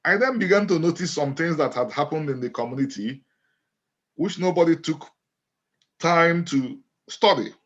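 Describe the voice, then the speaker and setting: Measured Nigerian man, lo-fi sound. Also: a little high. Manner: measured, deliberate, restates phrases. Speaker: guest, author and lawyer. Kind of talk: interview storytelling. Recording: dull lo-fi audio.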